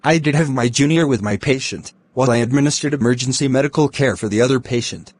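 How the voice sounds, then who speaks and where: A man with a medium-pitched voice answers interview questions as a doctor. His delivery is formal and rehearsed. He words everything carefully, in a measured way. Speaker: doctor candidate in a speaking exam.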